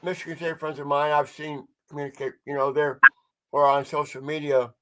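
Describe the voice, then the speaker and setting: A man's voice: a little high, flat delivery, fairly quick, poor audio. A man co-hosting a casual sports podcast, talking with mumbled articulation as if he had marbles in his mouth.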